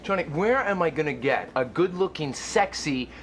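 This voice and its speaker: A man's voice: a little high, expressive, moderate pace, a bit bright. An actor playing an exasperated, sensible man in a comedy drama, casual and incredulous. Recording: noisy ambient background.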